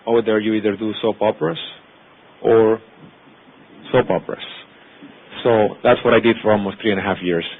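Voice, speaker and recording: A Mexican actor and producer in his thirties, a native Spanish speaker with a Mexican accent, gives earnest personal testimony to an audience. His lowish voice has fairly even intonation at a moderate pace with long pauses, and he lists words in long runs. The sound is tinny, like a phone.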